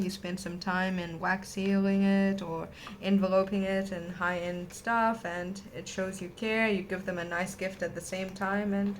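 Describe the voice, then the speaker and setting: A woman's voice: lowish voice, a little hiss or hum, poor audio. A woman vlogger chatting to camera indoors at a desk, gushing and rambling enthusiastically. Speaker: vlogger unboxing a stationery haul. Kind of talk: casual chat to camera.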